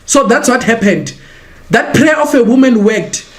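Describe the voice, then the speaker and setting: Young guy ranting and shouting on a podcast, high voice, echoey noisy room. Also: unhurried. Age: young adult. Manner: excitable, shouting and preachy, dramatic outbursts. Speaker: podcast host. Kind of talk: heated casual debate. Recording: echoey room with background noise.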